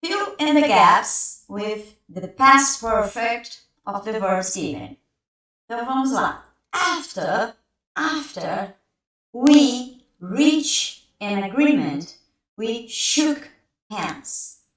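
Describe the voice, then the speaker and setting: A woman teaching a grammar lesson at an unhurried, deliberate pace. She walks through each step, asks questions and answers them herself, and reads the example sentences slowly. Her voice comes from some distance away in a very echoey room. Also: on the high side, animated, a bit bright. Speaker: English teacher.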